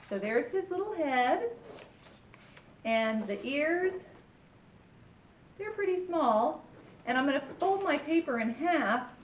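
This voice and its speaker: A woman with a fairly high voice talks in an echoey room. She guides children through a craft in simple steps, like a cheery kids' host. Faint noise sits behind her. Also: sing-song, takes it slowly, long pauses. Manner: simple, instructional talk addressed to children. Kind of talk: step-by-step craft tutorial for children. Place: indoor room with echo.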